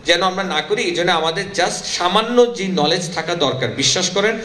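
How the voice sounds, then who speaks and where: A man's voice: high-pitched, moderate pace, pushed and bright, slight background noise. A man from Bangladesh with a Bengali accent tinged by Noakhali speech, giving an emphatic workshop talk that switches between Bengali and English mid-sentence. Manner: emphatic, addresses the audience directly. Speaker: motivational speaker. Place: workshop hall. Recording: echoey hall with faint ambience.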